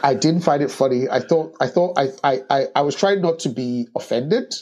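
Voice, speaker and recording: A man with a husky voice recapping a film in casual chat, halting with many restarts. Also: mid-range voice. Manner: halting, many restarts and ums, animated when joking. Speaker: podcast co-host recapping a film. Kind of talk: casual movie discussion.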